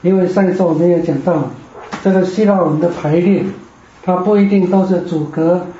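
High-voiced man teaching in a classroom. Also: fairly even intonation, normal speed, dark tone, a little hiss or hum. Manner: patient, explains step by step. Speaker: Greek teacher. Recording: echoey room, dull lo-fi.

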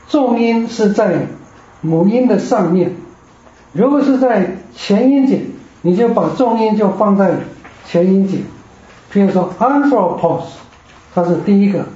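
A man's voice: high-pitched, lively intonation, slow pace, pauses often, mellow. A man teaching a Greek grammar class, explaining patiently step by step. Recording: echoey room, dull lo-fi.

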